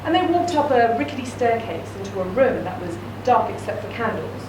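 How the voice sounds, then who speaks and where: A woman reads a short story aloud in an echoey room, her voice on the high side with big pitch swings and a slightly fast pace. The mic is far off and there's noise.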